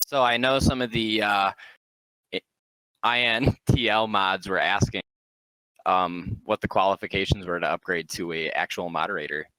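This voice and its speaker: Man, lowish voice, tense bright tone, hesitant, stumbling, community member on a voice chat. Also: fairly even intonation, normal speed, no room sound, rough recording. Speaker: community member asking a question. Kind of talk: casual voice-chat question.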